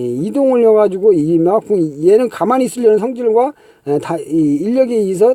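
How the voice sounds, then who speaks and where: The high-pitched, mellow voice of a middle-aged male channel host comes through with no room sound. He grumbles through a meandering, exasperated explanation, scoffing often and repeating "ye" and a rhetorical "eung?" over and over.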